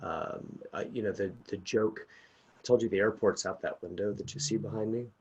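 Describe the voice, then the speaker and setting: A man's voice: on the low side, steady tone, moderate pace, vocal fry, a little mellow, husky, muffled recording. A man, a guest executive coach, chatting casually over a video call from his home, rambling and laughing often.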